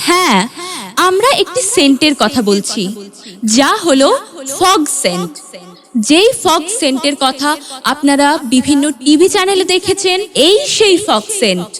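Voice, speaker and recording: A woman with a very high, lively voice reads a hard-sell street advertisement. Her delivery is an emphatic, repetitive announcer's pitch with plenty of melodic movement. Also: a little slow. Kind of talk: hard-sell promotional announcement for a mobile loudspeaker van.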